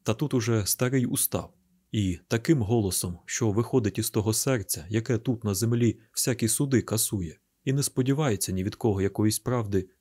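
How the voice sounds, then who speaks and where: A man narrating a literary audiobook in a measured, grave storytelling manner. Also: fairly low pitch, warm tone, husky.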